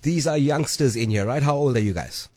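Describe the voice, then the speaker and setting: A man's voice: medium pitch, darkish tone, dry recording. A man hosting a radio show from the studio, upbeat and hyping his guests. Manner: upbeat, hyping, quick asides. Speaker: radio host. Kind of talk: lively radio presenting. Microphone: studio microphone.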